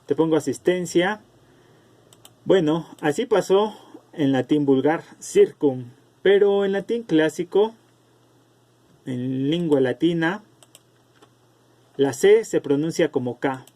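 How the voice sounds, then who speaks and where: A man teaching an online class over a video call, explaining slowly and calling on students by name. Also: on the high side, mellow.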